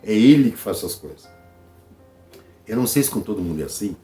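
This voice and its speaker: With faint music behind him, a man with a Brazilian Portuguese accent hosts his channel in a casual vlog monologue. His lowish, warm voice is animated and brisk as he talks conversationally, repeats phrases, and checks in with listeners.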